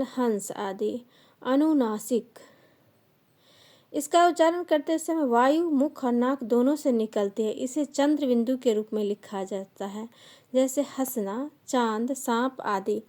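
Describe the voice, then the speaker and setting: A woman gives a grammar lesson at an unhurried, dictation-like pace. Her voice sits a little high but sounds soft and mellow. She reads out each sound and example word one at a time. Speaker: teacher. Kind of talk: slow classroom grammar lesson.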